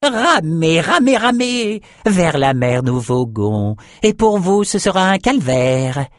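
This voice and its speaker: A man voicing a naive, childlike albino shaman slaver in an audiobook, in a high, slow, puzzled voice. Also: very animated, no echo, clean studio sound. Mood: singsong taunting. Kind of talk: audiobook character voice.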